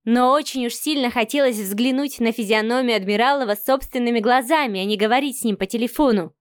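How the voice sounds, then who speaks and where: A woman narrating an audiobook in a lively storytelling way. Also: a little high, no echo, studio quality.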